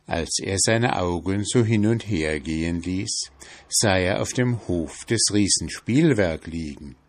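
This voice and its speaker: Slow, low-voiced male storyteller. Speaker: audiobook narrator. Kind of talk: scripted fairy tale narration.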